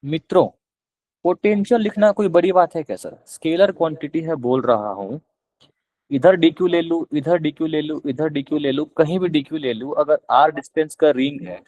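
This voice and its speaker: A man with a Punjabi accent teaching physics in a live online class, explaining slowly and repeating questions to his students. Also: a little high, darkish tone, dry recording, poor audio. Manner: coaxing, repeats questions to students, calls them beta; slow, deliberate explanation.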